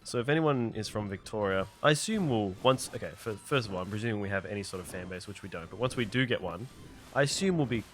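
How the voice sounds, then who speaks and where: A man's voice: fairly low pitch, animated, fast talker, faint music behind. An Australian man hosting a let's play, rambling through a funny anecdote while laughing often. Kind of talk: casual chat over gameplay.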